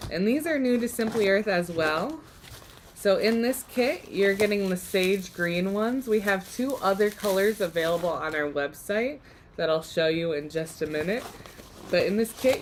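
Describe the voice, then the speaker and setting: A woman's voice: mid-range voice, a little hiss or hum. Woman host losing her voice. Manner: chatty, upbeat explaining. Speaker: workshop host. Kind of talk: live DIY demonstration.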